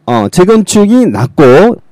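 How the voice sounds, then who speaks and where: Mellow, lively man chatting haltingly. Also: high voice, no echo, poor audio. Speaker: guest speaker. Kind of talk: casual chat. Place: recording studio. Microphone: studio microphone.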